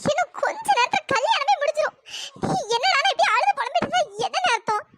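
A woman's voice: very high-pitched, expressive, quick pace, fairly bright tone, no echo. A woman voicing a worried younger sister in a cartoon story, earnest and pleading.

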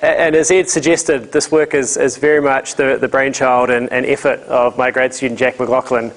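A man's voice: mid-range voice, level tone, normal speed, low-quality recording. Man, broad Kiwi accent, informal public lecturer, dry humour. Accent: thick New Zealand. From New Zealand. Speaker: guest lecturer, ecology professor. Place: lecture room, speaking to a small audience.

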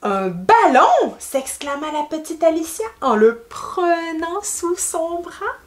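Québécois lady reading a kids book, slow and super bouncy, lots of sound effects. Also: very high-pitched. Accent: Québécois French. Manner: animated, expressive, sound effects and asides to the child. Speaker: speech therapist reading to children. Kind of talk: children's storytime reading.

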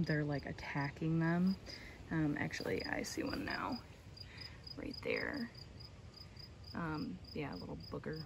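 A young woman with a low voice walks through her backyard garden, talking casually to her phone camera. She is chatty and enthusiastic, with plenty of "um"s. Crickets and insects chirp clearly behind her in the open air. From Michigan. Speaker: gardening vlogger. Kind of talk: casual garden tour narration. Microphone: handheld phone camera. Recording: outdoor phone audio with insect noise. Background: crickets and outdoor ambience.

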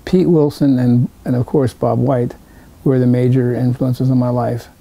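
A man in his sixties, a political consultant, recalling his career in an interview with many pauses and fillers. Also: mid-range voice, level tone, creaky, mellow, no echo, poor audio. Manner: hesitant, many fillers and restarts. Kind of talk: interview recollection.

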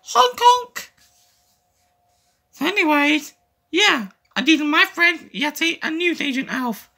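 A woman playing a cheerful gingerbread man news reporter, chatty, silly and excitable. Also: sits high, slow, vocal fry, exaggerated voice.

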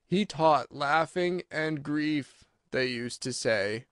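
A man voicing a melancholy old mock turtle in a storybook, sighing and self-pitying, with a slow, drawn-out, mournful delivery. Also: on the high side, a bit bright, smooth, no room sound, studio quality. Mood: sighing, sad.

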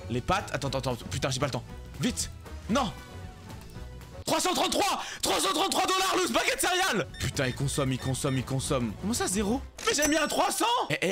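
A man giving slangy, excitable let's-play commentary as a gaming YouTuber, swearing and joking with viewers. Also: on the high side. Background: background music.

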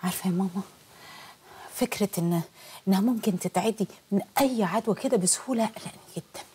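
A woman's voice: medium pitch, fast, mellow, slightly rough. A woman with an Egyptian accent, playing a worried mother in a TV drama with an anxious manner. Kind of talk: TV drama acting.

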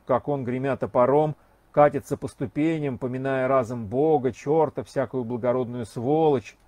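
Measured male audiobook narrator, dry sound. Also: medium pitch, darkish tone, dry recording. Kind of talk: scripted narration.

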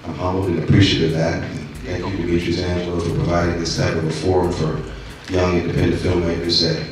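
A man accepting an award on stage, giving a humble, halting thank-you with many pauses. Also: deep voice, little pitch movement, background noise. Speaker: award recipient. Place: large cinema theater, indoors. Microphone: handheld mic, far camera. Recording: echoey theater from far off.

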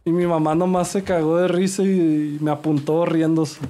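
A young Mexican man streaming a game, rambling and joking with his chat and reacting loudly. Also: a little high, flat delivery, normal speed. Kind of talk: casual livestream chat.

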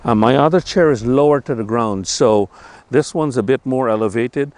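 An older man casually reviewing a camping chair outdoors by a lake on a lapel mic, talking in a relaxed, rambling way with lots of fillers. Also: mid-range voice, moderate pace, no room sound. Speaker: gear reviewer.

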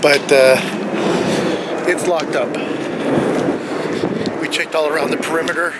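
A man's voice: fairly high pitch, fairly even intonation, unhurried. A middle-aged man chatting casually and informally as host of a night exploration vlog, with a joking streak. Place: dark abandoned building and outdoors at night. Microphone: handheld camera at arm's length. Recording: noisy handheld camera audio on location.

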